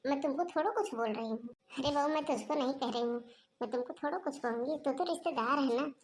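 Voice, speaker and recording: A woman's voice: high-pitched, fast talker, a little hiss or hum, close to an everyday voice. Woman voicing a scheming cartoon mother-in-law. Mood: scolding. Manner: scolding, shouting for her daughter-in-law. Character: scheming bossy middle-aged mother-in-law. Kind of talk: cartoon dubbing.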